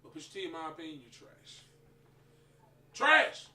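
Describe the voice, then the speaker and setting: A man's voice: on the high side, fast talker, echoey room, distant mic, slight background noise. A man co-hosting a heated casual chat about rap, brash and teasing. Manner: brash, teasing, repeatedly shouting insults. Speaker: podcast co-host.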